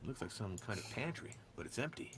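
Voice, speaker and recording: A confident male adventurer in a fantasy game. He talks fast and low in a matter-of-fact way, faint beneath other chatter. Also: sing-song, creaky. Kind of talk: video game character acting.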